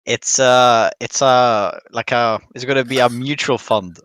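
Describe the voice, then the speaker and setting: A man's voice: medium pitch, steady tone, unhurried, fairly bright tone, clear, resonant tone, dry recording. A man chatting informally in a group voice chat, slangy and teasing.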